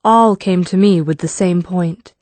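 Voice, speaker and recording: A man's voice: sits high, a little slow, darkish tone, no echo, pitched above the performer's own voice. A man voicing a blunt, determined young woman warrior in an audiobook, speaking earnestly and directly. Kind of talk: audiobook character voice.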